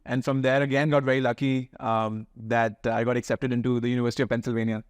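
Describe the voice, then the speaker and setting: Male interview guest, polished educated Indian accent; informal explainer, mid pitch, very dry recording. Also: level tone, quick pace, smooth, dry recording. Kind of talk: conversational interview answers.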